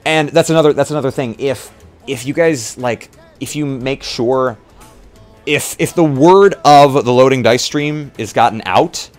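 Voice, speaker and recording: A streamer and roleplay player talks casually on a livestream in a medium-pitched voice at a measured pace. He rambles and hesitates, often repeating his phrases, with music playing behind him.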